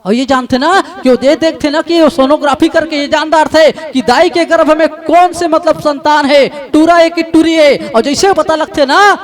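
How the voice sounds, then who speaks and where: A man's voice: very high voice, normal speed, few pauses. A man with a Chhattisgarhi accent preaching a devotional sermon in story form, emotional and rising to impassioned outcries. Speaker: Ramayana preacher.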